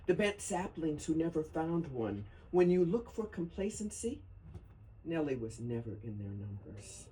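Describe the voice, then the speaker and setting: A man giving a solemn poetry reading at a memorial, with deliberate, emphatic phrasing. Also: a little high, mellow. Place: bookstore reading event before a small audience. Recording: noisy live room recording.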